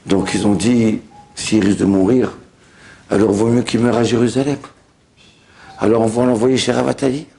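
A man putting on a troubled young addict who speaks low and confides in a hushed, gravelly murmur. The voice sits below the storyteller's own and keeps its confessional hush. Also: steady tone, moderate pace, pauses often. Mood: confiding.

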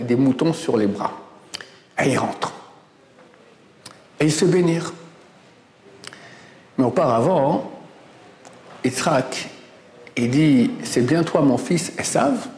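A man preaching a sermon as a rabbi, animated and emphatic, asking rhetorical questions. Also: medium pitch, takes it slowly, pauses often. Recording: roomy hall with long reverb.

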